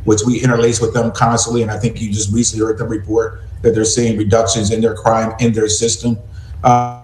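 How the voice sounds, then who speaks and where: A man's voice: on the low side, little pitch movement, brisk, roomy sound, over music, rough recording. A man speaking as a police commissioner over a video call whose connection keeps breaking up; he talks hesitantly, with fillers and restarts. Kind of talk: remote interview answers.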